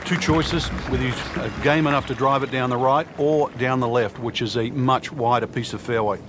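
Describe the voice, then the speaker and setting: A man's voice: medium pitch, steady tone, moderate pace. A man giving golf commentary as the analyst, explaining the course in a conversational way. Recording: crowd and outdoor noise behind.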